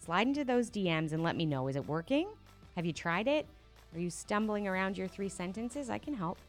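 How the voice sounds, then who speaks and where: A woman's voice: mid-range voice, expressive, a little fast, faint music behind. A woman hosting her own podcast as a business coach, talking straight to listeners in a direct, encouraging way and often asking rhetorical questions. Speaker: podcast host and profit coach. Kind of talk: solo podcast coaching talk.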